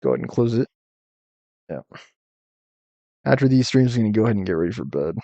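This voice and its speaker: A man's voice: on the low side, sing-song, fast, gravelly, mellow, no room sound, highs cut off. A man streaming a game, chatting casually and thinking aloud between bits of reading. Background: music.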